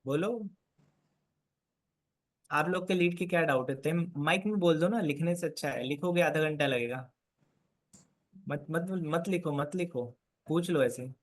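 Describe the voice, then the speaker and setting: A man's voice: fairly high pitch, a little slow, long pauses. A man leading an online sales coaching session, prompting and encouraging his students. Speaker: sales trainer.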